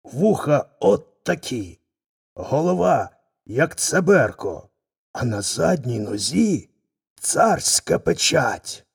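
A man voicing a humbled, frightened male lion in a folk tale reading, with a gravelly, husky voice. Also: fairly high pitch, very animated, takes it slowly, pitched above the performer's own voice, heavily acted. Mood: scared, gloomy. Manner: gloomy, whispering in fear.

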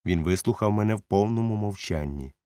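Calm male audiobook narrator. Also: lowish voice, a little fast, clear, resonant tone, no echo, studio quality. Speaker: audiobook reader. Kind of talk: storybook narration.

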